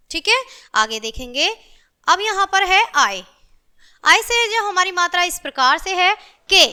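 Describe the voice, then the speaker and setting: A woman's voice: extremely high pitch, pushed and bright. A woman teaching a grammar lesson to children, patiently repeating and drawing out each sound as she goes. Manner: patient, repetitive, drawn-out enunciation of sounds.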